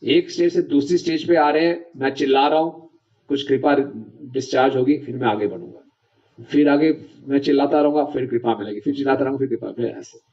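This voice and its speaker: A preacher speaks fairly quickly in a mellow, mid-range voice with fairly even intonation. He gives a devotional lecture in a conversational style, frequently confirming that the audience understands, and the lecture recording is dull and lo-fi.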